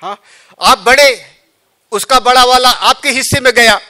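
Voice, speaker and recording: A man's voice: extremely high pitch, measured pace, sharp tone, pitched above the performer's own voice, heavily acted. A man voicing young prince Lakshmana, a fiery and loyal younger brother, speaking eagerly and boastfully.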